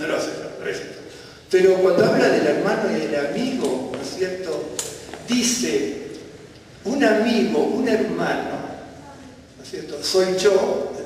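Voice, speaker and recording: A man's voice: high voice, darkish tone. A man gives a conversational Bible teaching, often checking that his listeners follow. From Argentina. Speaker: teacher at a congregation. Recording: echoey hall, mic far off, faint room noise.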